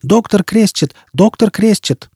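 A man's voice: fairly high pitch, expressive, normal speed, breathy edge, dry recording, clean studio sound. A man voicing a flamboyant, hot-tempered rich showman who talks pompously and bellows. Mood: furious. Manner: bombastic, shouting.

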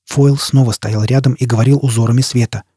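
A man narrates an audiobook in a steady, measured reading. His voice is dark and husky, and the recording is dry and close, with no room sound. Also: mid-range voice, dry recording.

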